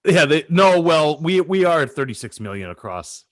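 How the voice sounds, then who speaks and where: Laughing guy with a lively voice. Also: fairly high pitch, normal speed, no room sound, clean studio sound. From Canada. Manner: joking, laughs often, animated teasing. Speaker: sports show co-host. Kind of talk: casual chat over a video call. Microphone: video call.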